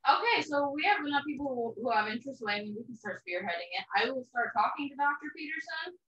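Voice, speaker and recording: A woman's voice: sits high, expressive, quick pace, sharp tone. A woman officer of a student club talks plans through casually and practically in a meeting, her voice sounding metallic, as if in a tin can. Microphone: shared computer setup on a video call. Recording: tinny, echoey, distant with faint noise.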